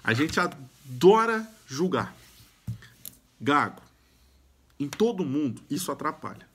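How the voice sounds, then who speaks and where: A man's voice: on the high side, very animated, slow, fairly bright tone, slightly rough. A Brazilian man giving self-help advice straight to camera in a casual, emphatic way, now and then repeating sounds at the start of a phrase. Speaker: YouTube speaker giving self-help tips.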